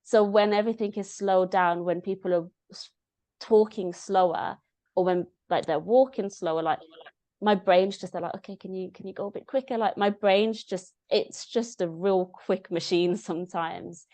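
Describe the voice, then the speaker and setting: Here a young woman with a medium-pitched voice talks a little slowly, and there's no room sound in the recording. Appearing as a podcast guest in a casual interview, she spins lively stories, often quoting what she and others said.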